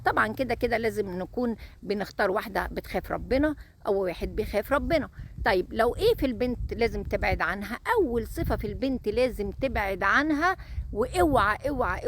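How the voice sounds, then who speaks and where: A woman's voice: medium pitch, expressive, fairly quick, a little hiss or hum. A woman with an Egyptian accent giving marriage advice in an emphatic way, stressing points by repeating words. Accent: Egyptian Arabic. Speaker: relationship advice host.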